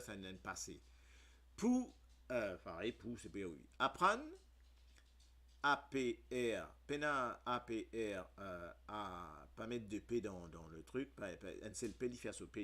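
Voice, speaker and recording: A man with a Mauritian Creole accent leads a casual lesson on radio. His voice sits fairly low and he speaks slowly and unhurriedly. He spells out words letter by letter, with plenty of hesitant fillers.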